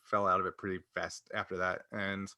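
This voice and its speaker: A man with a low, level, sharp-toned voice talks fairly quickly in studio-quality audio with no room sound. As a podcast co-host, he recalls personal stories casually, rambling, hesitating and breaking into his own sentences to circle back.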